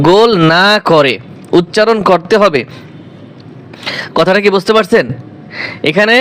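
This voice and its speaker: A man with a high, smooth and resonant voice teaches a Quran recitation lesson. He is patient and methodical. He sounds out single letters slowly and puts rhetorical questions to his listeners. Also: a bit bright.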